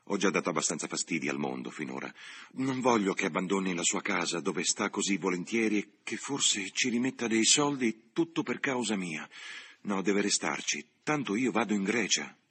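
A man voicing an anxious, earnest young woman in an audiobook, pleading in a hurried, raised voice. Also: low-pitched, animated, fairly bright tone, slightly rough, voice pushed up, full character voice.

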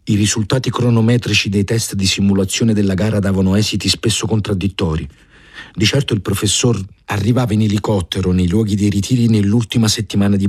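Low, husky-voiced man reading a novel. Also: no room sound, studio quality. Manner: measured, even first-person narration. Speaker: audiobook reader.

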